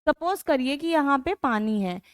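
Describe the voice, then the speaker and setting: A woman's voice: high-pitched, expressive, measured pace, no echo, clean studio sound. A woman teaching English vocabulary for exam prep, mixing Hindi and English with an Indian accent, asking students rhetorical questions and calling them beta. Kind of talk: online exam-prep class.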